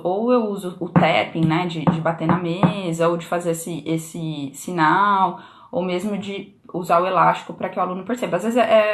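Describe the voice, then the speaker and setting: A Brazilian woman gives a casual live-streamed lesson on English pronunciation, recorded indoors on a phone camera. She explains things chattily with frequent question tags, in a voice on the low side and a bit bright.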